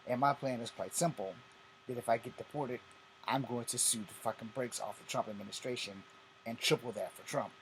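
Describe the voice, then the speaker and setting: A man's voice: medium pitch, a little fast, rough recording. Fifty-something man from Virginia, blunt cursing vlogger, slight background hiss. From Virginia, USA. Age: 50s. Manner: blunt, profane, repetitive. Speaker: vlogger host. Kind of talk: casual ranting vlog.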